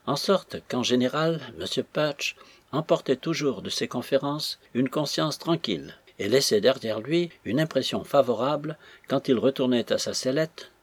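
Husky man reading a novel aloud. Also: medium pitch, no room sound. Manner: steady, measured literary reading. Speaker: audiobook reader. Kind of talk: scripted narration of a classic novel.

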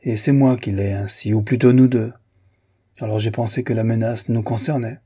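A man's voice: fairly low pitch, fairly even intonation, moderate pace, dark tone, breathy edge. Man reading as a jealous, sneering husband. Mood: anxious. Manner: sneering, then nervous and brooding. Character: jealous, bitter middle-aged official husband. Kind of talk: audiobook reading.

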